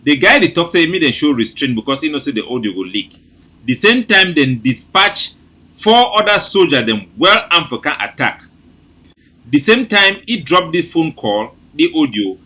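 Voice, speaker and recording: The host is a Cameroonian man whose voice is a little high and whose pace is normal. He leads an informal political briefing in Pidgin English, repeating himself with animated ridicule.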